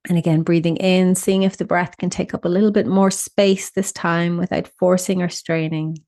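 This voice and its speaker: With little movement in her slightly low, mellow voice, a woman leads listeners through a meditation using gentle, uncomplicated instructions. She pauses on purpose between each one, and the recording is close and dry.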